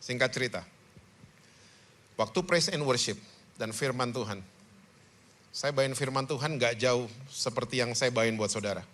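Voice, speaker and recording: Bright-voiced animated male preacher. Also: mid-range voice, moderate pace, pauses often. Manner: animated, with rhetorical "hmm?" prompts to the congregation. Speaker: pastor. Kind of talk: sermon.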